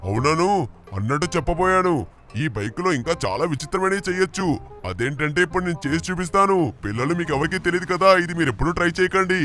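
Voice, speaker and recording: A man playing a flattering, boastful middle-aged bike dealer uncle in a video game. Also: a little high, fast talker, faint music behind. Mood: haggling boastful. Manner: boastful, haggling, effusive thanks. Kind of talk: game play-along voicing.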